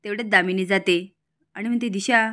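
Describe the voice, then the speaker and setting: A woman's voice: mid-range voice, fairly even intonation, fairly quick, fairly bright tone. A woman narrating a TV serial episode, plainly telling the story and acting out each figure.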